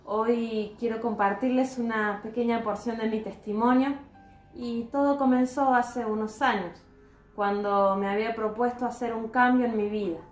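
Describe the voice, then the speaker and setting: A woman giving a devotional talk with a personal testimony, in an earnest, calm and measured way. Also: a little high. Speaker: devotional speaker. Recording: roomy echoey recording.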